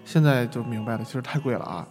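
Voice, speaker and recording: A young man from China telling a lively, self-mocking travel story to an online class. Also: medium pitch, fast talker, big-room sound, faint music behind. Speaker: lecturer.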